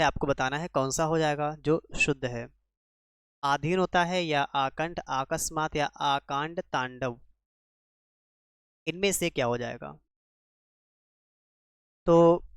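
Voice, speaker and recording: A man's voice: a little high, a bit bright, clear, resonant tone, dry recording, clean studio sound. A man teaching a spelling lesson for exam preparation, quizzing the class with rhetorical questions and repeating each answer. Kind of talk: exam-prep grammar lesson.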